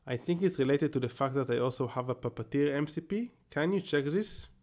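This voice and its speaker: A tech YouTuber, a man in his thirties with an Israeli accent who speaks Hebrew natively, talks casually through a screen-share tutorial and thinks aloud as he works. His voice is on the high side and a little mellow, with lively intonation and a slightly fast pace.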